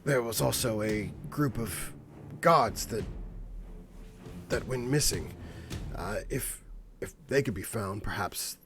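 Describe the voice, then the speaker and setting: Man acting a slow, strained, wounded militia commander. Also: fairly low pitch, fairly bright tone, faint music behind. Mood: pained, urgent. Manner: strained, halting, sighing as if clutching a wounded side. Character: battered, wounded militia commander, earnest and urgent. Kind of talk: tabletop game role-play.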